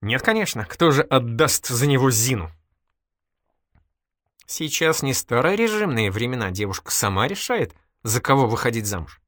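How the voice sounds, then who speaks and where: A man voicing a calm young police detective in an audiobook, polite with dry humor. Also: mid-range voice, normal speed, no room sound. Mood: wry. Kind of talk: audiobook character voice.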